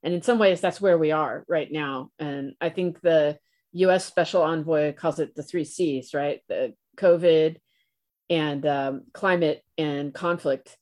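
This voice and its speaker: Female podcast interviewer with a very low voice, thoughtful, chatty filler-laden questions. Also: a little slow, darkish tone. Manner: thoughtful, frequent fillers like "you know".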